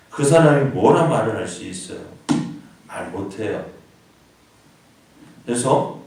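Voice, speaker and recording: A man's voice: fairly low pitch, a little mellow, heavy reverb, far from the mic, low-quality recording. A man preaching a sermon as pastor, often asking the congregation questions and answering them himself. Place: church sanctuary.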